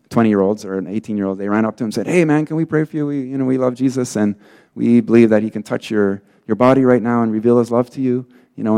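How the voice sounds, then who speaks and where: Low-voiced man telling church testimony. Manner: casual storytelling, many fillers; acts out quoted people in lively bursts. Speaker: preacher. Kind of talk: sermon testimony.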